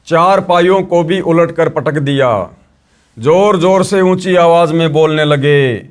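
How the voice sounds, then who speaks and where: A man narrating a religious story and preaching to his listeners, whom he addresses as brothers and sisters. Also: a little high.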